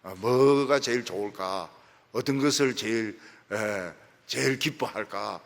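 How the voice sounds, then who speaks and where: A man preaching an afternoon church sermon. He swings between loud emphatic lines and soft, trailing phrase ends. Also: fairly low pitch, a little slow, creaky. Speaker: pastor. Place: church sanctuary. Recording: reverberant church hall.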